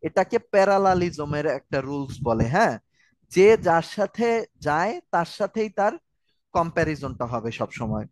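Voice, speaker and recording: A man's voice: fairly high pitch, lively intonation, normal speed, no room sound, poor audio. A man giving an online grammar lecture, explaining step by step and answering viewer questions. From Bangladesh. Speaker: grammar tutor.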